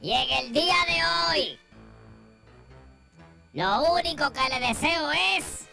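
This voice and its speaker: A squeaky, high, cranky rat who gossips and grumbles about everyone, as a woman acts her out in a Puerto Rican accent. Her pitch leaps all over as she complains, with music playing behind her in this radio comedy sketch. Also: lively intonation, slow pace, creaky, exaggerated voice. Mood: grumpy gossip.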